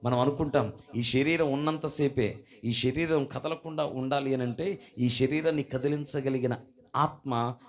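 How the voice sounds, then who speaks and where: A man preaching a sermon at a church service. He keeps questioning the congregation and calling for responses, and his voice swings suddenly between loud and soft. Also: medium pitch, steady tone, moderate pace.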